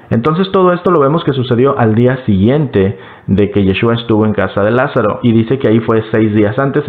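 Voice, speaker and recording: Male Bible teacher, explanatory lesson, speaks to listener directly, phone-thin sound. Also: medium pitch. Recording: phone-like narrow band.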